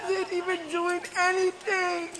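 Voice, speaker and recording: A woman's voice: very high voice, monotone, unhurried, a loud crowd. A woman passenger being detained, upset and begging over and over in an imploring, repetitive way. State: upset, pleading desperately. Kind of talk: distressed pleading. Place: busy airport. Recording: noisy body camera audio in public.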